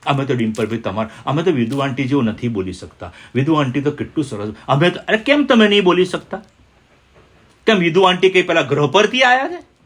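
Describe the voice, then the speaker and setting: A man's voice: a little high, sing-song, a little fast, a bit bright. A middle-aged man from India preaching a sermon with call-and-response. He speaks with emphasis and keeps asking his listeners questions.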